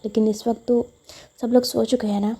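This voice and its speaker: A woman's voice: on the high side, little pitch movement, a little fast, warm tone, breathy edge. A woman voicing a bold, lovestruck young woman who coaxes and boasts. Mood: eager.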